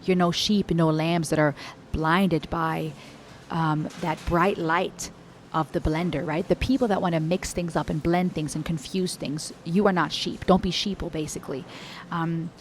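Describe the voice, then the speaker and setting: Reacting to a song, this young woman addresses her viewers in a lowish voice at normal speed with fairly even intonation, reflective and earnest, an American English accent, and a faint room hum underneath. She is a music reaction YouTuber from Germany and the US, with a Cuban-American family.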